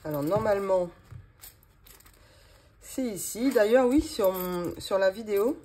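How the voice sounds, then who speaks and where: Going through her cash-envelope budget for the month, a woman in her thirties talks in a relaxed, rambling way packed with fillers. She has a regional French accent and a warm, mid-range voice at a measured pace, with a little hiss or hum in the recording.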